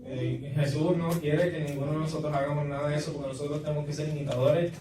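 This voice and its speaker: A young man giving a church testimony, halting and repeating his words as he tells his story. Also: fairly high pitch, level tone. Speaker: testimony giver. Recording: echoey room, distant mic, noisy.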